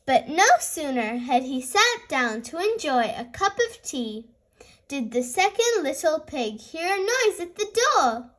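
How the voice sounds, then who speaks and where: A woman reading a storybook to small children in an animated fairy tale opening manner, as a host of story time. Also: high-pitched, unhurried.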